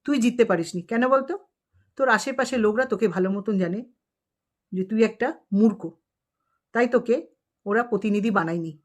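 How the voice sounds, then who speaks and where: A woman's voice: a little high, fairly quick, long pauses. A woman vlogger delivering an angry, scolding rant at a rival, full of insults and rhetorical questions.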